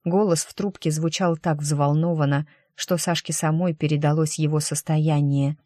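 Steady audiobook narrator, dry sound. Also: medium pitch, normal speed, dry recording.

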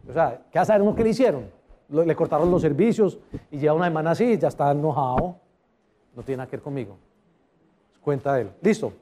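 A man speaking at a live customer service seminar, his pitch a little higher than most men's. He talks in an animated way and keeps asking the audience questions. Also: quick pace, long pauses, slight background noise. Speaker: motivational speaker.

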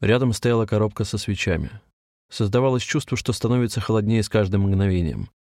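Man reading a dark story, dry close sound. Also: fairly low pitch, a little fast, no room sound. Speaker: reader. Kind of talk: audiobook narration.

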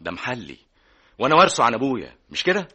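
Irritable proud shopkeeper, egyptian arabic accent, radio play, very fast, lively pitch. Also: male voice, breathy edge, heavily acted. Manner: irritable, blustering. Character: proud irritable shop-owner Fawzi. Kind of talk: 1960s radio drama acting.

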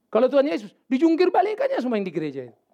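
A male pastor preaching a sermon in a casual, animated way, with sudden loud outbursts and English words mixed in. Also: very high voice, very fast. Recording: dull lo-fi sermon recording.

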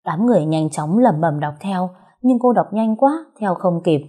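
A young woman narrating a story in a steady, expressive manner. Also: lowish voice, normal speed, breathy edge.

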